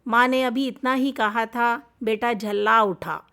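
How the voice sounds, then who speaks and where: A middle-aged woman narrating a moral story in a gentle, measured storytelling manner. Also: a little high, steady tone, vocal fry.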